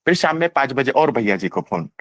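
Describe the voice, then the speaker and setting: A man casually retelling a personal spiritual experience at a gathering, animated, quoting dialogue and laughing. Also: mid-range voice, a little fast, dry recording. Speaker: devotee sharing a personal experience. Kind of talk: casual satsang storytelling.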